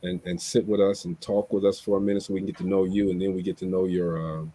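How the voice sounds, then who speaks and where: A man with a low, husky voice hosts a casual interview. His tone is dark and mellow, and he talks effusively, circling back over his phrases. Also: flat delivery, fast talker. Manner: effusive, repeats himself, says "man" often. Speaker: show host.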